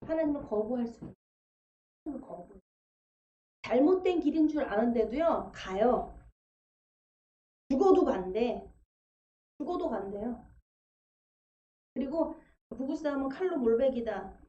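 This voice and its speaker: A woman's voice: high voice, expressive, measured pace, pauses often, warm tone. A woman preaching a testimony sermon in a church, telling her story vividly and acting out the voices she quotes. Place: church sanctuary. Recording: echoey church livestream, dull sound.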